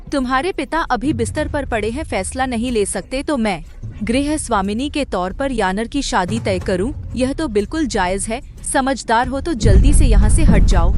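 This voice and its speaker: An actress playing a haughty, scheming mistress of the house who sneers and gives orders, in dubbed drama acting. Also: female voice, a little high, normal speed, over music, lightly acted. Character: haughty, scheming stepmother, middle-aged woman.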